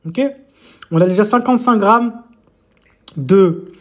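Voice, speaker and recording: Slow and high-voiced, a man coaches fitness on a live stream, munching as he chats and talking through mouthfuls. He teases viewers with playful mock lessons and quizzes, and the sound carries a reverberant quality.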